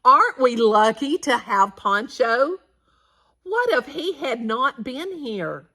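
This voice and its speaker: An earnest little girl from a storybook, as a woman reading aloud puts her on, her voice lifted a bit higher than the narration and bright in tone. She talks slowly, with simple sincerity. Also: very animated, exaggerated voice. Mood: relieved. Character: young girl searching for her lost dog.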